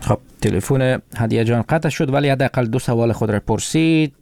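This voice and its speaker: A man hosting a radio call-in show, greeting callers and teasing them in a friendly, brisk way. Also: mid-range voice, creaky, a little mellow, soft background music. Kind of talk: casual on-air chat with callers.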